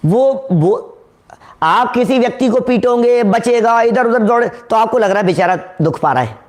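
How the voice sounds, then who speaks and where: A man giving a devotional sermon, asking his listeners questions and sometimes singing verses slowly. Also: very high-pitched, lively intonation. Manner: rhetorical, questions the audience, sings verses slowly. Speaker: Jain preacher.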